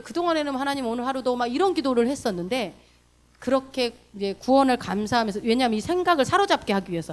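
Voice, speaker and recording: In a church sanctuary, a woman pastor with a high voice preaches casually and directly, questioning the congregation. She swings between loud, emphatic bursts and hushed, soft asides, laughing as she goes.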